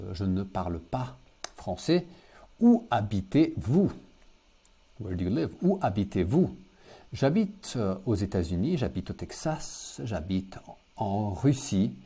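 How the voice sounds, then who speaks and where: A man teaching a beginner lesson, saying each phrase slowly, repeating it and giving the for it. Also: on the low side, mellow, husky. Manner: slow, repeats phrases and translates to English. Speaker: French teacher. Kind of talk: language lesson.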